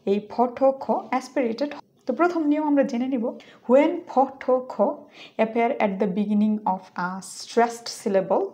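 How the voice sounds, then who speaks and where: A woman's voice: on the high side, warm tone. Bangladeshi woman teaching English pronunciation. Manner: slow, exaggerated model pronunciations. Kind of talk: pronunciation lesson.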